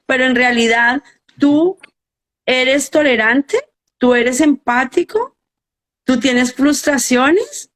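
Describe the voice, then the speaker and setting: A woman's voice: sits high, takes it slowly, long pauses, a bit bright. A middle-aged woman, a coach and educator, earnestly explaining her ideas in a live interview and often asking rhetorical questions.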